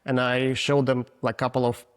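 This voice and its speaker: A Russian-accented guest photographer in his 40s answers casually in a clear, resonant voice of medium pitch, delivered in a monotone. His non-native English is frank and halting, with restarts.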